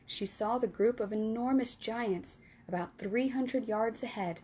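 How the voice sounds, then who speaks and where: A woman reading a children's book aloud for a storytime. Her delivery is calm and clear, with a steady, storytelling pace. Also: a little high, measured pace, slight background noise. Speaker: storytime reader.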